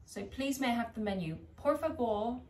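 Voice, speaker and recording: In her home garden, an English vlogger with a British accent chats casually, laughing at herself as she attempts foreign phrases. Her voice is fairly high and darkish in tone, with lively intonation and a moderate pace.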